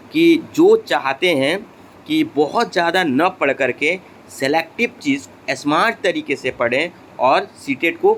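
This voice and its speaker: A man hosting an educational channel, giving exam guidance to students in a mix of Hindi and English. He talks straight to his viewers and fills pauses with "okay". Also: a little high, a little hiss or hum. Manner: mixes Hindi and English, addresses viewers directly; frequent fillers and checks like okay.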